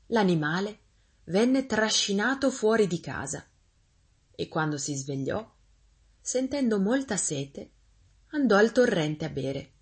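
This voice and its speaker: Woman reading a fairy tale, kinda husky and low, really sing-songy and expressive. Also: slow pace. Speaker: storyteller.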